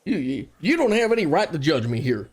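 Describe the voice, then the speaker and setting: A man's voice: a little high, sing-song, a little fast, husky. A man voicing a hot-headed male chili cook who argues in a heated folksy drawl. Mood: defensive.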